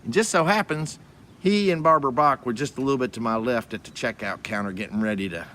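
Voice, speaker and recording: A man's voice: mid-range voice, fast talker, fairly bright tone, a little hiss or hum. Rambling folksy man telling a story. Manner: rambling, folksy, swears casually. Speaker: vlogger. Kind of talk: casual storytelling.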